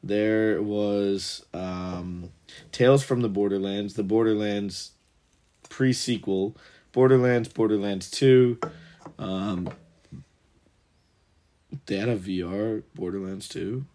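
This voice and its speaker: A man's voice: fairly low pitch, takes it slowly, long pauses, warm tone. A young man co-hosting a gaming podcast, talking loosely with swearing and frequent laughter. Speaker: podcast co-host. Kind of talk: casual gaming podcast chat.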